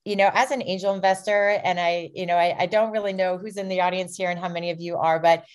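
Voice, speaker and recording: Breezy low-voiced woman investor. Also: fairly even intonation, fast talker. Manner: breezy and self-deprecating, with many fillers. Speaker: venture capitalist, fund founder. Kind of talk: presentation on a video call. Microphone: video call.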